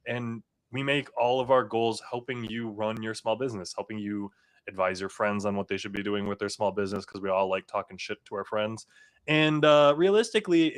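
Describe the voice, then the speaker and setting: A man's voice: fairly low pitch, a bit bright, clean tone. Man, podcast host, casual chat, joking, emphatic.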